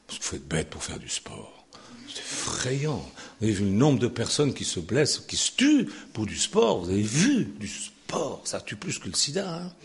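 An older man preaching a sermon, sarcastic and animated, dropping to low asides and rising to shouted peaks. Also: moderate pace.

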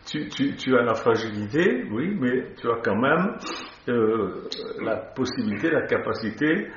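A man's voice: medium pitch, very animated, unhurried, a little hiss or hum. A man preaching a sermon, reading scripture aloud and breaking off for chatty, playful asides. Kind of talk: sermon, Bible reading with commentary. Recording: echoey, slightly dull recording.

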